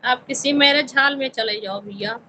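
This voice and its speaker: A woman's voice: sits high, normal speed, bright, forceful tone, slight background noise, low-quality recording. A woman from Uttar Pradesh hosting a casual live stream, politely answering viewers' comments and calling everyone brother. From Uttar Pradesh, India. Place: home in Visakhapatnam.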